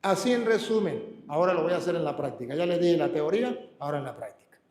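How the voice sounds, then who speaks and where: A man preaching as a priest, emphatic and then slowing to a calm hush on key words. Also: on the high side, echoey room. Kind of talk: sermon teaching scripture reading.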